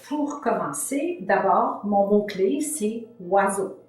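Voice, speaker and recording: A woman's voice: mid-range voice, animated, takes it slowly. Woman, reading-method author, patient teacher tone, roomy sound with faint music underneath. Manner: gentle, patient teacher tone with many fillers.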